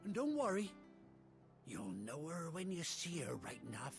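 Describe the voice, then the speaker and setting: An actor playing a chatty, excitable rustic villager in a video game, talking in a folksy, colloquial way. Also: male voice, a little high, unhurried, creaky, heavily acted. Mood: excited. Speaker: game character. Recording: game audio with loud music. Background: game music.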